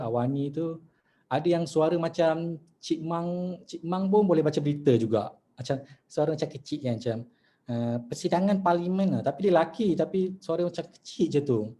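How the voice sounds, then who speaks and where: A man with a Malaysian accent teaching news presentation in an online masterclass, chatty and relaxed, mixing in English words and reading sample news lines. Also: mid-range voice.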